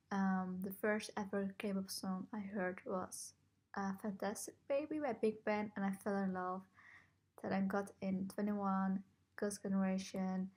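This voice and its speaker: A young woman from the Netherlands answering viewer questions in a casual vlog, talking in a hesitant, self-conscious way. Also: mid-range voice. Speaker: vlogger. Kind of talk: casual Q&A to camera.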